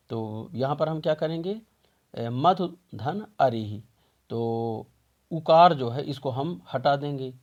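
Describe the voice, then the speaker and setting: A man's voice: medium pitch, darkish tone, dull audio. A man teaching a Sanskrit grammar lesson step by step, patiently asking questions and answering them himself.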